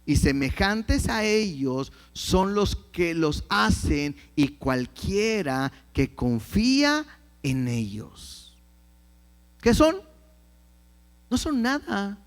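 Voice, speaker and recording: A man's voice: sits high, very animated, extremely slow. A man preaching a Bible lesson, reading scripture aloud and often repeating words as he starts a phrase. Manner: reads scripture aloud and acts out quoted believers. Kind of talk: Bible teaching sermon.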